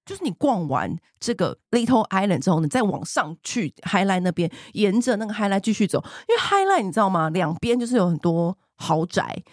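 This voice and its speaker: Animated woman telling a travel story. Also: medium pitch, brisk, few pauses, dry recording, clean studio sound. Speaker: podcast co-host. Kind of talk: casual chat, travel storytelling.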